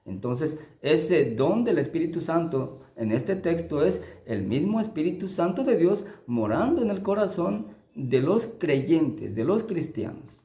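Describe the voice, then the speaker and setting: Man preaching, high lively voice, mellow tone, echoey room. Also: measured pace, few pauses. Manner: emphatic, rising for scripture and dropping low to stress points. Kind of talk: sermon-style Bible teaching.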